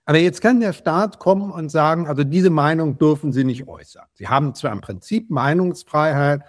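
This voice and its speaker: Older guy from west berlin, measured, keeps repeating words, slightly high voice, dry close sound. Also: animated, no room sound. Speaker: guest. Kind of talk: interview answer.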